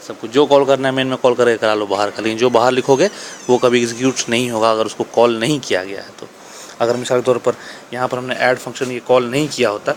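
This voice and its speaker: A man's voice: mid-range voice, slight background noise. A man teaching programming in a casual, conversational way, often asking and answering his own questions. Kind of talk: casual explanatory lecture.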